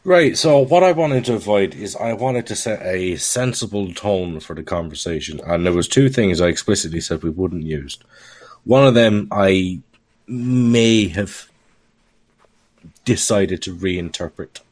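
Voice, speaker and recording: A man's voice: sits low, a little mellow. A man talking casually as a podcast guest, candid and joking, laughing often at his own remarks. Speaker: guest software developer.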